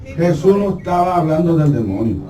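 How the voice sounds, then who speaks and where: A man's voice: a little high, big pitch swings, normal speed, dark tone, distant mic. A man preaching a sermon as pastor, telling stories with humor and acting out voices. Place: church sanctuary. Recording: echoey hall from afar, faint noise.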